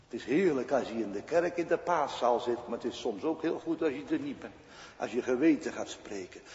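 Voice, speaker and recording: A man's voice: mid-range voice, a little mellow. A male pastor preaching a sermon in a church, speaking emphatically and asking rhetorical questions. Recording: dull echoey church recording.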